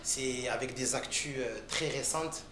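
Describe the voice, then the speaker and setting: A man rapper talking casually in an interview, loose and halting, often restarting his sentences. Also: medium pitch, sharp tone, roomy sound, a little hiss or hum. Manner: loose, halting speech with frequent restarts and fillers.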